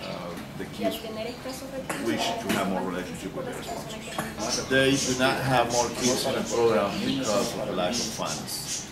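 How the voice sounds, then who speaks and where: A man interpreting in halting English, recorded from afar in an echoey room. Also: on the low side, very animated, over a noisy crowd. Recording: distant echoey room with loud ambience.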